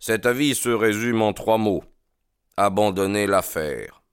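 A man's voice: on the low side, clean tone, dry recording, close to an everyday voice. A man voicing an assured, cordial detective in a dry audiobook. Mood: earnest, assured. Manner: brisk, assured, earnest. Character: confident brilliant male detective, cordial. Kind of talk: audiobook character reading.

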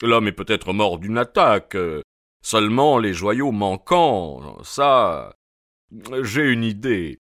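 A man voicing a stout, pompous police inspector with a husky, hoarse, breathless voice and a blustering, hemming manner. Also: on the low side, sing-song, slow pace, fairly bright tone, no room sound, studio quality, heavily acted.

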